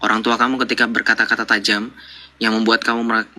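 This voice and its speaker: A man with a very bright, forceful, piercing voice hosts a live debate stream. He lectures and needles his callers, firing rhetorical questions and scoffing at their answers. His tone stays combative and sure of itself. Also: lowish voice, monotone, fast.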